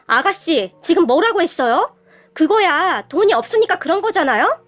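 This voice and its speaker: A shrill, furious young sister-in-law, played by a woman in an audio story. She yells sharply at a high pitch. Soft music plays behind. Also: big pitch swings, moderate pace, full character voice. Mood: sarcastic. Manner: shrill yelling.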